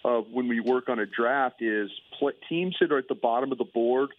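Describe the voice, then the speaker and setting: A guest analyst phones in from a remote location, and the line sounds tinny. He talks at a medium pitch and a moderate pace, drifting through casual chat packed with fillers.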